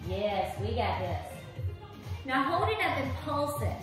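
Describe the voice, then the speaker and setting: A high-voiced woman leads a workout as an aerobics instructor. She gives unhurried, encouraging cues and counts while exercising. The room is very echoey, with faint music behind her. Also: sing-song. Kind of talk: live exercise class instruction with counting and cueing. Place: living room with hard wood floor, indoors.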